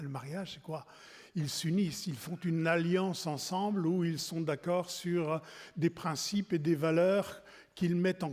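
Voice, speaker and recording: High-voiced man preaching in a hall. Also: a little mellow. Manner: conversational and repetitive, many restarts and asides. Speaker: preacher at a wedding service. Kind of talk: sermon. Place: church. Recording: long reverb in a church hall.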